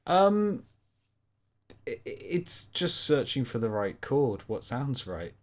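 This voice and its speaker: A man's voice: mid-range voice, sing-song, slow pace. A man co-hosting a songwriting podcast in casual chat, self-deprecating and laughing often. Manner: laughs often, self-deprecating, puts on silly inner voices. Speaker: podcast co-host.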